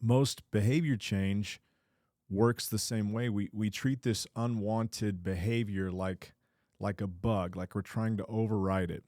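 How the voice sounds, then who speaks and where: Low-voiced man giving a casual self-help talk. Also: steady tone, unhurried, darkish tone, no room sound, clean studio sound. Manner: casual, humorous, hesitant restarts. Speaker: host.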